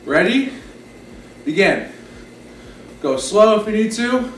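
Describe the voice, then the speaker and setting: A man's voice: high-pitched, very animated, slow pace, slight background noise. A man leading an exercise class as instructor, giving short encouraging cues and counts. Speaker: fitness instructor. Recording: roomy echo, distant mic, background music. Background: music.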